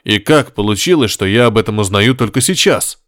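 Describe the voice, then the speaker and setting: A man voicing a nervous, hurt male officer who speaks low, tense and reproachful. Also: expressive, brisk, fairly bright tone, no echo, clean studio sound.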